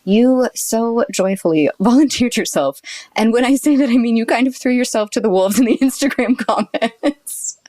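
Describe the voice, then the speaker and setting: A woman's voice: on the high side, moderate pace, mellow, dry recording. A woman hosting a casual chat podcast in Paris, bubbly and laughing often. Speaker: podcast host.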